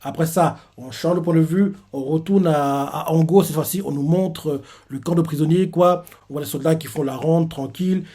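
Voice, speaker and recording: Husky man recapping a manga chapter. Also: a little high, normal speed, few pauses, mellow. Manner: rambling, loose, heavy on filler phrases. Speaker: manga reviewer.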